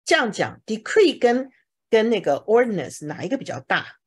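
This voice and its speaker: A woman's voice: on the high side, very animated, normal speed, breathy edge. A woman teacher explaining English words to a class, often stopping to ask if anyone has questions. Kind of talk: classroom vocabulary lesson.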